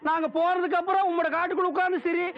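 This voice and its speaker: An actor in a film comedy scene, firing off sarcastic, scolding banter. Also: male voice, very high-pitched, level tone, rapid-fire, muffled recording.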